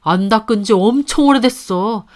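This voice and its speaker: Stern fault-finding mother-in-law, voiced by a woman, high voice, audio story. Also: moderate pace, lightly acted. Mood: scolding. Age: older.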